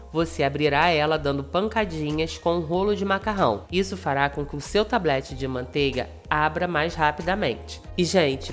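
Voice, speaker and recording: Thin, reedy Brazilian woman with flu-cracked voice. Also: low voice. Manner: polite, instructional address to viewers. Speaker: cooking channel host. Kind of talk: scripted recipe narration. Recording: music behind the voice. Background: music.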